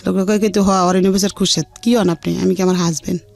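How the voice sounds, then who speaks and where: A middle-aged woman with a colloquial Dhaka Bengali accent, a guest on a radio show, tells her life story candidly and acts out what people said. Her fairly low voice carries vocal fry, and she talks fast in an earthy, unpolished, animated way. Music plays in the background.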